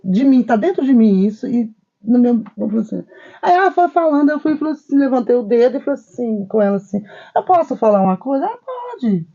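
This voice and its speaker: A warm-toned woman with lively intonation talks fast, though the audio is dull. She co-hosts a spiritist discussion program, speaking with emphasis, telling stories through quoted dialogue, and stretching her pitch widely to stress points.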